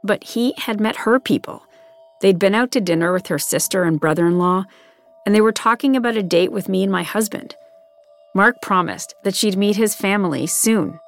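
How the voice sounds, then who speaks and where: A woman hosts a podcast and tells a true-crime story in a measured, scripted way, with some interview questions. Her voice sits at a middle pitch for a woman. Soft music plays faintly behind her. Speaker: podcast host and narrator.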